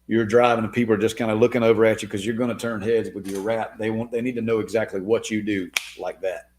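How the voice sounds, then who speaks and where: A man's voice: lowish voice, little pitch movement, quick pace, darkish tone, slight background noise. A man hosting a casual live Q&A stream, answering viewer comments in a laid-back way and calling listeners man and dude. His voice is wearing thin. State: losing his voice.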